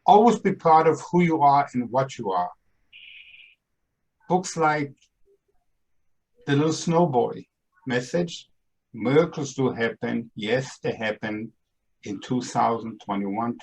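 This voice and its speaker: On poor audio, a seventies-aged podcast host speaks at a measured pace with long pauses, his medium-pitched voice gravelly, husky and a little mellow. He has a Brooklyn accent and comes from Austria and Brooklyn, New York. His casual monologue is emphatic, upbeat and playful.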